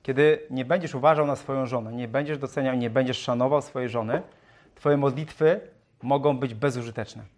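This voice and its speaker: A man preaching a sermon in a lively way, reading scripture aloud in a raised voice and joking with rhetorical questions. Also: mid-range voice, fairly quick. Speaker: pastor.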